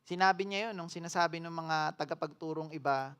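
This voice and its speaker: A woman pastor giving a sermon. She mixes English phrases into her preaching, asks the congregation questions, and swings between loud declarations and hushed, earnest appeals. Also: deep voice, fairly quick, smooth.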